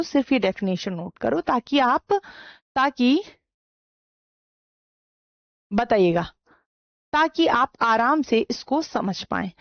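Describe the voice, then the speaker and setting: A woman teaching a grammar class, dictating slowly with repeated words and quizzing her students with frequent questions. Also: on the high side, no room sound, muffled recording. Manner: slow dictation, repeating words for note-taking. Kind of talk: Hindi grammar class lecture.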